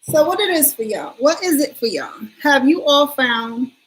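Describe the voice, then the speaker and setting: A woman's voice: sits high, animated, moderate pace, a little hiss or hum, low-quality recording. Chatty woman rambling on a livestream. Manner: rambling, chatty, addresses viewers directly. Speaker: livestream host. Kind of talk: casual livestream chat.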